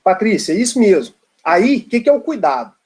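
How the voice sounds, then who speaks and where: A man's voice: high-pitched, big pitch swings, brisk, darkish tone. A man giving an informal law lecture, telling a playful story with frequent tag questions and asides.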